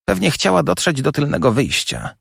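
A man narrates a first-person audiobook with dramatic intensity. His low voice has a gravelly grain and swings widely in pitch. The recording is dry and close. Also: huge pitch swings, normal speed, no echo.

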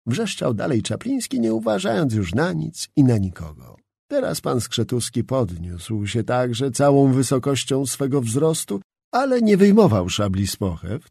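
Man, audiobook narrator, gravelly, expressive, dry close sound. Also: mid-range voice, no echo. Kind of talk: audiobook narration of a historical novel.

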